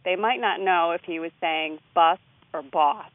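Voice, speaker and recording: A woman's voice: lowish voice, measured pace, dry recording. A woman linguist giving expert commentary, analytically explaining pronunciation step by step. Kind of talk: expert commentary on speech samples. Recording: tinny phone line.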